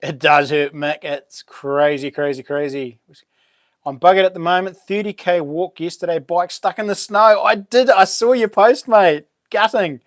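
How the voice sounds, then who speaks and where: Matey Kiwi bloke with a broad accent. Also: male voice, high voice, steady tone, moderate pace, dry recording, clean studio sound. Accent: broad New Zealand. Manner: matey, informal, slangy. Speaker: livestream host. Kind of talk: casual live chat with viewers.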